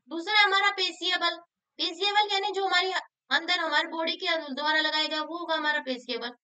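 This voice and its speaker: Speaking in a very high, bright and forceful voice, a woman teacher explains exam questions by asking and then answering them herself, repeating key answers for emphasis.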